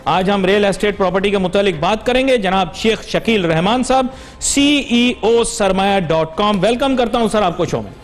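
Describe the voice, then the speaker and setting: A man's voice: sits high, lively intonation, moderate pace, few pauses. A man with a Pakistani Urdu accent hosting a business TV show, mocking and sarcastic in a monologue before interviewing a guest over a studio mic. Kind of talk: satirical monologue then interviewing.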